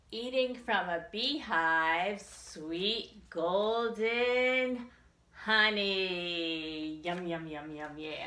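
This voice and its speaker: A woman librarian with a medium-pitched, sharp-toned voice leads a children's storytime, expressively reading and reciting rhymes in simple phrases for small children. The room is echoey.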